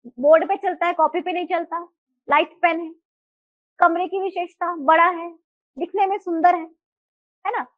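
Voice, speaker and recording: A woman teaches a live class with a high voice, explaining and throwing questions out to her students. The sound is dry and close, with a slightly muffled, lo-fi edge. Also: steady tone, normal speed, long pauses, no echo. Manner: explains and asks the class questions, mixing Hindi and English.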